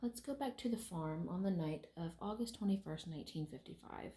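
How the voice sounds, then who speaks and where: Casting: young woman, slightly low voice, casual questioner with dry asides, recorded in a roomy space. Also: fairly quick, mellow. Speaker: session leader asking questions. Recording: roomy, echoey sound.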